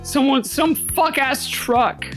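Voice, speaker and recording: A woman's voice: sits high, slow, faint music behind. A young woman streaming live and chatting casually, swearing often.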